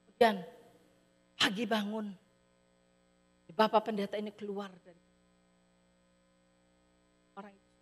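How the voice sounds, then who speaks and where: A woman's voice: medium pitch, unhurried, long pauses, soft background music. Woman preaching in a reverberant hall. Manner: animated, acts out characters' voices, addresses listeners as "saudara". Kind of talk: sermon storytelling. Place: church hall.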